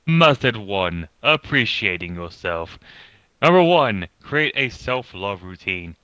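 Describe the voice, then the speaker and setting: A man's voice: on the low side, sing-song, slow, bright, forceful tone, dry recording, full character voice. A man voicing a pompous British narrator as he reads an article aloud. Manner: pompous, with crude asides. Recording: dull lo-fi dry sound.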